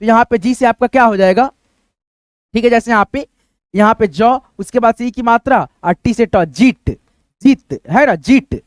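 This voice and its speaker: High, clear-voiced man teaching spelling. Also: normal speed, dry recording, studio quality. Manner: spells letter by letter, often adds "friends" and "right?". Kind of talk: online spelling and pronunciation lesson.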